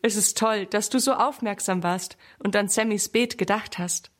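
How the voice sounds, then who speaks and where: A woman's voice: mid-range voice, normal speed, close to an everyday voice. Woman reading as a praising dad, encouraging, storybook. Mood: approving. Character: warm, praising father.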